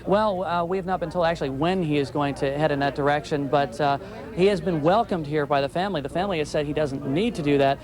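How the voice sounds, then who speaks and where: On a city street, a man working as a TV field reporter talks fast in a voice on the high side during a live outdoor news report. Noise from the crowd and street fills the background.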